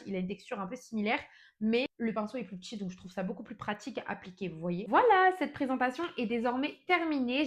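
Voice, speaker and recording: A young woman with a French accent talks through an unboxing in a relaxed, chatty way. Her voice sits a little on the high side. She gushes over each product and fills her pauses with casual hesitations. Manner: enthusiastic, chatty, frequent fillers. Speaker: nail product vlogger.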